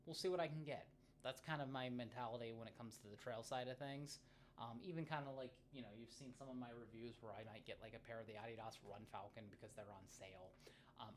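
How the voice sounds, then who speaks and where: A man with an American accent and a fairly low voice talks casually in a vlog. He speaks haltingly, with self-deprecating asides and digressions, over faint ambient noise. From United States. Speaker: running vlogger. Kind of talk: casual, rambling vlog chat.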